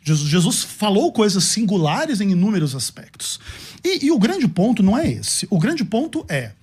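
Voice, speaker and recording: A man's voice: sits high, very animated, a little mellow, slightly rough. A man with a Brazilian accent, laying out a formal rebuttal point by point in a debate. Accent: Brazilian Portuguese. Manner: measured, formal, builds his argument point by point. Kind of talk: theological debate.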